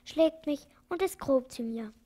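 A woman's voice: sits high, expressive, measured pace, mellow. A wheedling crocodile, put on by a woman. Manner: wheedling, pleading. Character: greedy but meek male crocodile.

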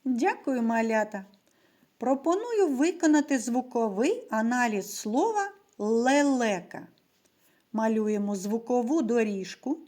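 A woman teaching a video reading lesson for young children, speaking clearly and patiently and addressing them directly. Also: a little high, expressive, measured pace, darkish tone. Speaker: primary school teacher.

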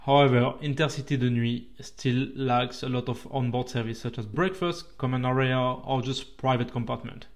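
This is a railway vlogger recounting his train trip, a native French speaker whose French accent comes through. He keeps a casual, talkative manner in a mid-range voice, with moments where he gets a bit hesitant.

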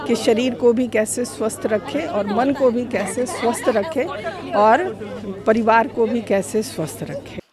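A woman from a spiritual organization speaking calmly and instructively about meditation to a reporter. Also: a little high, measured pace. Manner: calm, devotional, instructive. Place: outdoors at a crowded event. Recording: outdoor crowd noise.

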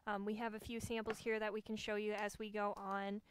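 A young woman co-hosting a workshop, demonstrating software in an easygoing, self-deprecating way with lots of ums. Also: mid-range voice, level tone, fairly quick, a little hiss or hum. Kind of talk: casual instructional talk.

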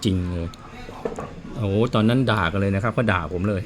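A man's voice: deep voice, fairly quick, slight background noise. A man who repairs watches, talking casually and telling stories in a plain, chatty way while he works. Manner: chatty storyteller, plain spoken. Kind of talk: casual explanatory chat.

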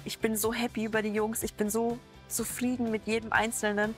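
Bubbly young female presenter, slightly high, light music bed. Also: little pitch movement, brisk. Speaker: reality show presenter. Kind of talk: casual date chat.

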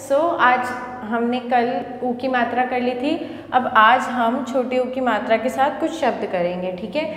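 A woman's voice: fairly high pitch, a little slow, fairly bright tone. A woman teacher, giving a patient lesson to small children, sounding out each syllable and answering her own questions. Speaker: school teacher. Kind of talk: online lesson for young children. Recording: echoey room, long reverb, faint ambience.

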